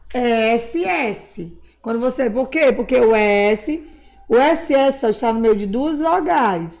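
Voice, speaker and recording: Woman, primary teacher; high voice, slow careful syllable-by-syllable delivery. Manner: slow, drawn-out syllable-by-syllable spelling; patient, uses diminutives, refers to herself as auntie. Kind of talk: recorded remote class for young children.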